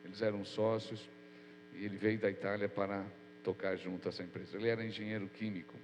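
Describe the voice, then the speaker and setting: A pastor with a lowish, level voice speaks fast through a prayer and sermon, earnest and informal, his nose stuffed up from a cold. The church hall setting adds echo, along with mains hum.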